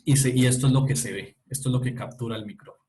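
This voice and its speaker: Man, university lecturer, online class, explanatory, frequent self-corrections, checks in with students, middle pitch. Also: fairly even intonation, racing, warm tone. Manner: explanatory, often checking in with "¿cierto?" and "¿listo?".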